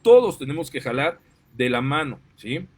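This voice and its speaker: A man's voice: medium pitch, sing-song, normal speed, a little mellow. Mexican man, parent, heated opinion monologue, indignant, gets worked up. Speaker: parent and commentator. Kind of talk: impassioned monologue.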